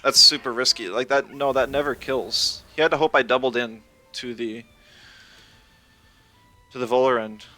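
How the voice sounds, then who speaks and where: A man's voice: mid-range voice, fairly even intonation, sharp tone, faint music behind. A man streaming a competitive game, casually thinking aloud about his moves as he plays. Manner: thinking aloud, chatty, quick asides and laughs. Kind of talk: casual live game commentary.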